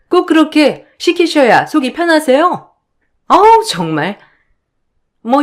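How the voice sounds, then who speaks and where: A woman's voice: sits high, voice pushed up. Woman playing a young sister-in-law, spoiled, sarcastic, whiny, storybook voice.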